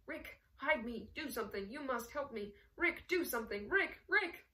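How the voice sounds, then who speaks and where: A woman's voice: high voice, expressive, moderate pace, sharp tone, recorded from a distance. A woman voicing a frightened man who begs frantically for help. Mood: panicked. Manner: frantic, begging. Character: frightened desperate man, pleading.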